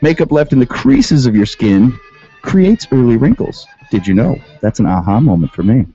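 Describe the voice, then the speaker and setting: A man's voice: mid-range voice, sing-song, normal speed, dark tone, husky. Sarcastic male radio host, muffled sound. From Western New York. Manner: sarcastic, reads rules aloud and riffs on them. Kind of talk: comedic commentary. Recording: dull lo-fi sound with faint music.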